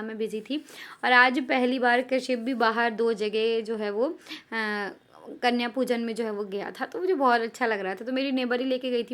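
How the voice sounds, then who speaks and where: A woman's voice: a little high, a bit bright. A woman in her thirties vlogging in a chatty, casual way, mixing English words into her Hindi. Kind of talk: casual chat to camera.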